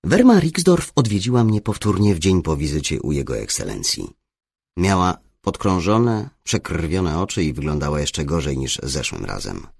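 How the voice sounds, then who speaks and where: A deep, gravelly male voice reads a first-person novel aloud in a wry, sardonic tone. His pitch swings widely for effect, and there is a husky edge to the sound. He is heard close on a dry studio mic. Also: big pitch swings, normal speed, darkish tone, dry recording. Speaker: audiobook narrator.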